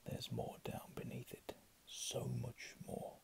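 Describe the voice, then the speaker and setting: Slow, hushed reading comes from a man doing ASMR, his words whispered under his breath and mixed with easygoing murmured asides.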